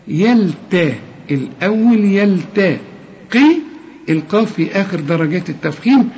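A man's voice: a little high, a little mellow, a little hiss or hum. A man with an Egyptian accent teaching Quran recitation rules, correcting each sound and quizzing the listener. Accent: Egyptian Arabic. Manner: corrective, repeats sounds and asks the listener questions. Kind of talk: tajweed lesson with recited examples. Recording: dull lo-fi sound with long reverb.

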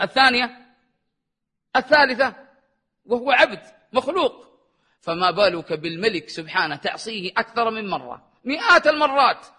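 A man's voice: pushed and bright, breathy edge. A man preaching a religious sermon with passion, chanting scripture verses in a melodic voice. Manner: impassioned, rising pitch on questions, chants verses.

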